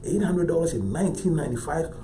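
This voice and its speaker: A middle-aged man from Ghana with a Ghanaian English accent, an artist telling anecdotes in an interview with animated delivery. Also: fairly high pitch, quick pace, noisy background. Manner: animated, acts out voices in his story. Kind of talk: anecdotal storytelling. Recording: roomy echo.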